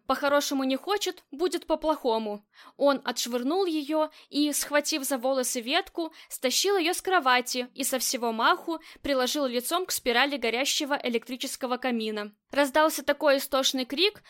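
Female audiobook narrator, high voice, tense steady delivery. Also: normal speed, hardly any pauses.

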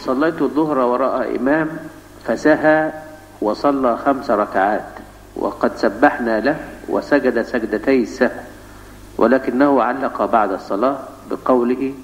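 A man reads written questions aloud in a slow, deliberate, formal cadence, set well back from the microphone. The sound is dull and roomy, with a long reverb hanging in a large hall. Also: mid-range voice, slight background noise. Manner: measured, deliberate reading. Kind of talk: slow formal reading of letters. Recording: distant, roomy, dull mosque recording.

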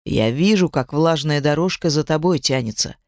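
A woman's voice: low voice, normal speed, darkish tone, no echo, clean studio sound, pitched below the performer's own voice. A woman voicing a domineering young man who speaks in curt, mocking, menacing lines in an audiobook. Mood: gruff teasing. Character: gruff, domineering young man, a crime boss. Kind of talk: audiobook character voice.

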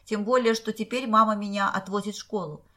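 A woman's voice: mid-range voice, steady tone, a little fast, sharp tone, natural voice. A woman reading the part of a playful, teasing teenage girl in a storybook.

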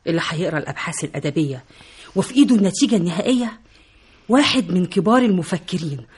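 A woman's voice: on the low side, animated, rapid-fire, darkish tone, breathy edge. An actress with an Egyptian accent playing an earnest young woman in a radio drama, a devoted daughter and student reassuring her mother. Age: young adult.

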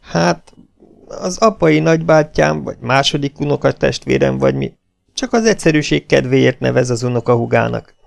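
A man's voice: mid-range voice, gravelly. A man reading the part of an anxious young woman in an audiobook, raising his voice a little. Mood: flustered.

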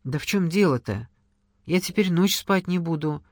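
A light, ironic husband in an audiobook, voiced by the narrator, teasing and good-natured. Close, dry sound. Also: male voice, on the high side, expressive, moderate pace, no room sound. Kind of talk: audiobook character reading.

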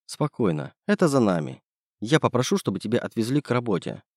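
A man's voice: mid-range voice, big pitch swings, brisk, no echo, clean studio sound. A man reading a storybook, voicing a guarded, teasing young woman who is a detective's partner. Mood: weary.

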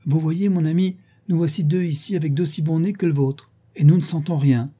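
A man voicing an effusive, teasing French theatre director in a storybook reading, pitched above his narrating voice. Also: steady tone, brisk, mellow, husky. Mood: jovial. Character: jovial, talkative middle-aged French theatre director.

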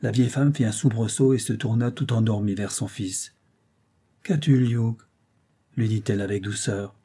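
Low, husky male audiobook narrator. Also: flat delivery, dark tone. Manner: measured, literary reading. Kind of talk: scripted narration of a novel.

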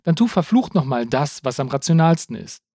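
Blunt, exasperated politician woman, read by a man, raised pitch. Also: sing-song, moderate pace, a little mellow, no room sound, studio quality. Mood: commanding. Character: tough, sharp-tongued woman politician.

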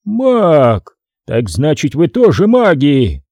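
A man voicing a stern creature-tribe chief who speaks slowly and commandingly in an audiobook. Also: on the high side, wildly swooping pitch, a little mellow, no echo, pitched above the performer's own voice, full character voice. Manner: slow, drawn-out and commanding. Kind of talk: audiobook character voice.

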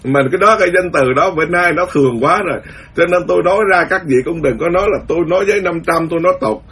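A Buddhist monk giving a lively storytelling sermon, acting out the voices of the people in his story. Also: sits high, rapid-fire, husky. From Vietnam. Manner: animated, acts out quoted voices, laughs at his own story. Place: lives in the US, speaking to followers.

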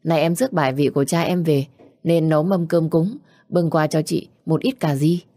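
A poor young orphan man speaks in a low, mellow tone, tender and pleading, as a woman reading the story gives him voice. The sound is dry and close. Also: normal speed, no echo. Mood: eager.

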